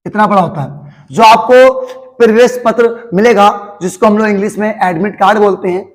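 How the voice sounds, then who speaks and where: A man's voice: high voice, low-quality recording. A male teacher giving a step-by-step lesson, patient and repetitive, calling his students children. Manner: patient, repeats each step slowly and addresses students as children. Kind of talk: classroom-style lesson for students.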